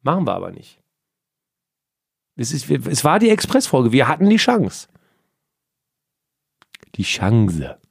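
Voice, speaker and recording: A man chatting casually as a co-host, full of jokes and mock-serious asides. His pitch swings freely up and down. The sound is close and dry, with no room around it. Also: normal speed, vocal fry, pauses often, slightly rough, no room sound. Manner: joking, teasing, lively. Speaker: podcast co-host. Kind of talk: casual sports chat.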